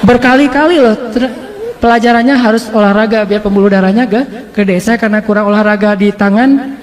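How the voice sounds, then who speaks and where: A man's voice: sits high, brisk, big-room sound, a faint crowd. A male Islamic preacher telling a sermon story in a casual, humorous, colloquial way. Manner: lively, humorous, colloquial, with frequent laughs and restarts.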